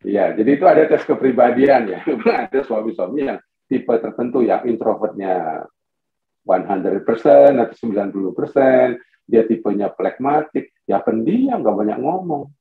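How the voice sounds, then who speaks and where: A man's voice: mid-range voice, moderate pace. A middle-aged man, a pastor and marriage counselor, telling stories in a webinar talk and acting out the dialogue. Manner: animated storytelling, acting out quoted dialogue. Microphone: video call. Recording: tinny, echoey video call audio.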